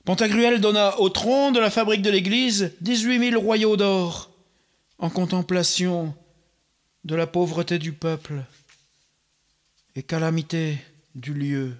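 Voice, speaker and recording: Slow, high-voiced man reading an old tale. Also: steady tone. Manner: slow, declamatory, theatrical. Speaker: reader. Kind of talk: reading a Renaissance tale aloud.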